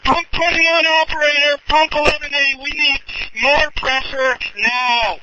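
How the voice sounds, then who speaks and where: Over a dull, noisy two-way radio comes a man's very high-pitched voice. He is a firefighter sending urgent reports in short, halting bursts. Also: steady tone. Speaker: firefighter on an interior crew.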